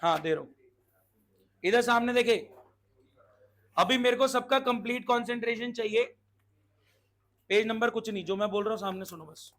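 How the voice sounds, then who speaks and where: His voice high and a bit bright, a man lectures a commerce class, asking the students questions and scolding them in a brisk manner as he explains.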